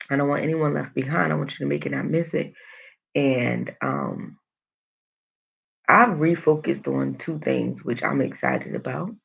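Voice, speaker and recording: A woman's voice: extremely low pitch, creaky, slightly rough, lo-fi sound. A woman hosting a motivational livestream, coaching listeners and responding to comments, with an emphatic manner that leans on repeated phrases. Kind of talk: motivational livestream talk, reading and answering comments.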